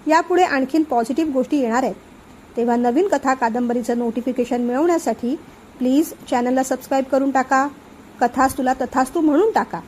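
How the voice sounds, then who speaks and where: A woman narrating a scripted family story with a high, clear pitch. She tells it expressively, giving each scene color. She also hosts the channel herself. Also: brisk, a little mellow, slight background noise.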